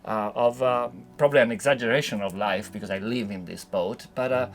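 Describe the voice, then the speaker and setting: Male sailor as interview guest, creaky voice, informal reflective talk with light music underneath. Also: lowish voice, brisk. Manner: philosophical, rambling, informal.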